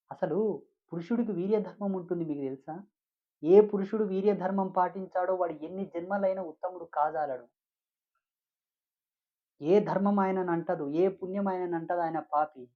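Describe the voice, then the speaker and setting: A man's voice: high-pitched, narrow, tinny audio. A man preaching a devotional sermon as a spiritual teacher, emphatic and repetitive, with frequent rhetorical questions.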